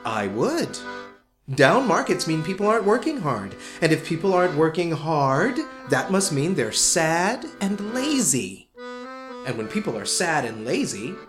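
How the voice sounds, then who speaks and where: A man's voice: a little high, very animated, unhurried. An actor playing an eerily cheerful male radio host in an audio drama, sunny and relentlessly upbeat, with faint music behind him. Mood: cheerfully eerie.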